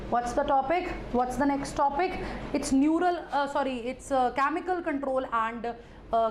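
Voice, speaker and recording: A woman with a North Indian accent lecturing live to students as their teacher, repeating phrases, addressing them directly and dropping in Hindi interjections. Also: high voice. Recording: echoey room, faint background noise.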